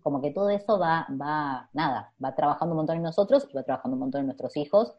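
Brief: Rioplatense mother, low voice, dull lo-fi sound, rambling chat. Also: lively intonation, quick pace. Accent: Rioplatense Spanish. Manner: rambling, thinks aloud with many asides. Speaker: guest, mother and influencer. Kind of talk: casual chat.

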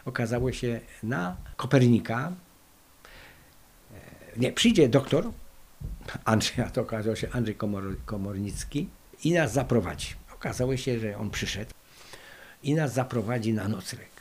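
Gravelly older man telling stories. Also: mid-range voice, unhurried, pauses often. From Poland. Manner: lively anecdotal storytelling with many fillers. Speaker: interviewee recalling the past. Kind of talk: oral history storytelling.

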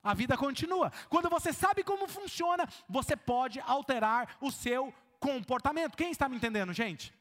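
Brazilian man, pastor, sermon, very high voice, asks the crowd if they follow, long church reverb. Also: expressive, normal speed, few pauses, fairly bright tone. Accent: Brazilian Portuguese. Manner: keeps asking the congregation if they follow; acts out everyday scenes in a lowered voice. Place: church hall with a congregation.

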